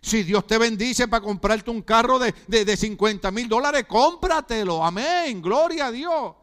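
The pastor's voice is extremely high, expressive, unhurried and a bit bright. A middle-aged man from Puerto Rico with a Puerto Rican Spanish accent, he preaches to the congregation with rhetorical questions and humorous asides.

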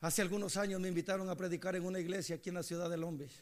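A man preaching a sermon, moving between hushed storytelling and impassioned shouting. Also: sits high, level tone, racing.

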